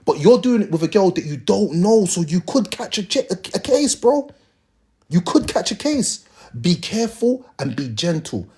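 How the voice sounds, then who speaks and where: A man's voice: high-pitched, very animated, normal speed, warm tone, breathy edge. A young man, giving blunt, slangy advice to viewers on a casual livestream. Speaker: live streamer.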